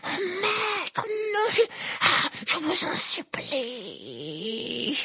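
Cowering small servant, shrill squeal, whimpering, very high. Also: male voice, huge pitch swings, drawn-out words, sharp tone, full character voice. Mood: pleading. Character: small bald sobbing male servant, cowering.

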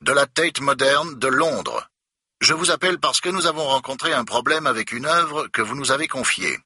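A man's voice: mid-range voice, moderate pace, bright, forceful tone, husky, dry recording, clean studio sound, pitched above the performer's own voice, heavily acted. A man voicing a curt, irritated male museum director on the phone, speaking in a clipped, pinched way.

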